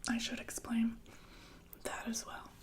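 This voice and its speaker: In a lightly acted ASMR roleplay, a woman voices a menacing nurse-killer, her whisper breathy, refined, and slow, calming on the surface and broken up by murmured asides.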